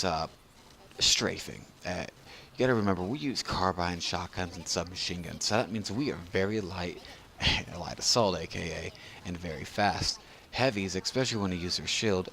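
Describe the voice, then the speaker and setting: A man's voice: low voice, vocal fry, fairly bright tone, a little hiss or hum. A drunk man giving casual, rambling video game commentary as a tutorial narrator, losing his train of thought.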